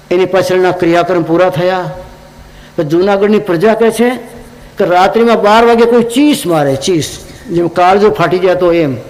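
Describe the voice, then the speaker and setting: Male preacher, high pitch, dramatic devotional storytelling, long reverb. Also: darkish tone. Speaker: religious preacher.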